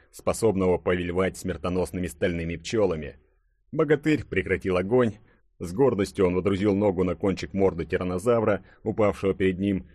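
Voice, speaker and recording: Male audiobook narrator, lowish voice, dry close recording, lively storytelling. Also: no echo. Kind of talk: scripted narration.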